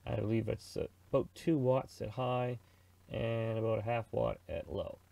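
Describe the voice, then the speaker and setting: With a steady, mellow mid-range voice touched by vocal fry, this middle-aged radio presenter and reviewer talks at a normal speed. He gives a loose, chatty product review and how-to explanation, wandering from point to point.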